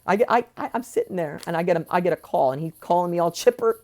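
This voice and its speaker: An angry young man rants into the camera, swearing freely and veering off on tangents. His voice has a gravelly rasp and swings widely in pitch as he vents. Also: lively intonation, fast talker, darkish tone. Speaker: vlogger. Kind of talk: ranting personal vlog.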